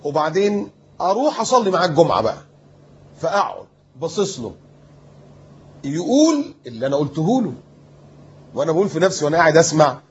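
A man's voice: fairly high pitch, quick pace, pauses often, highs cut off. A man in his fifties with an Egyptian accent, a preacher telling his story in an interview and acting out what people said to him. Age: 50s. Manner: lively storyteller who acts out remembered talk. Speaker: preacher and guest.

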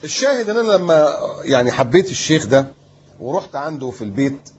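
Fast-talking Egyptian man in his fifties. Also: fairly high pitch, highs cut off, slight background noise. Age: 50s. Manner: lively storyteller who acts out remembered talk. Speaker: preacher and guest. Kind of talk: storytelling in a TV interview.

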